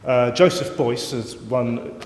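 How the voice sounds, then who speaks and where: A man's voice: mid-range voice, slow pace, darkish tone, slight background noise. Wry man lecturing in a hall. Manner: wry, self-mocking, rambling asides. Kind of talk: live lecture to an audience. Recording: roomy hall reverb, faint ambience.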